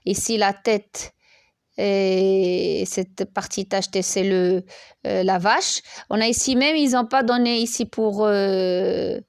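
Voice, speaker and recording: A woman's voice: medium pitch, fairly even intonation, slow, vocal fry, a little mellow, clear, resonant tone, dry recording, studio quality. A woman teaching an online lesson, hesitant, repeating words and checking in with the class often.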